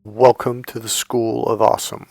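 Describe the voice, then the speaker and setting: A man's voice: medium pitch, flat delivery, normal speed, gravelly, darkish tone, soft background music. A man hosting a casual, unscripted advice vlog, his voice scratchy and strained, sounding weak and a little out of it after surgery. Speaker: self-help host and dating coach.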